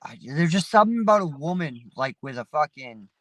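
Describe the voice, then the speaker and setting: A livestream host talks casually from his parked vehicle, rambling, cursing, and staying relaxed as he runs a panel. His voice is a little high, with lively intonation and a fairly bright tone, and he talks briskly. The phone recording is dry.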